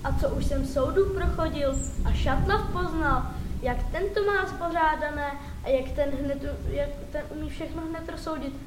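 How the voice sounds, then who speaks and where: A woman's voice: high-pitched, close to an everyday voice. A woman playing a battered, frightened robber. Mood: shaken. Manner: dramatic, emphatic retelling. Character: beaten, frightened male robber telling his tale. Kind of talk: storybook reading. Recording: echoey room, faint noise.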